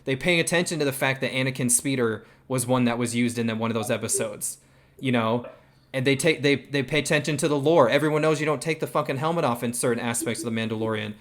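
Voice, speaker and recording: A man hosting a casual talk stream, excitable and swearing a lot as he praises a show. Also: medium pitch, quick pace. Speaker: stream host. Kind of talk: casual chat.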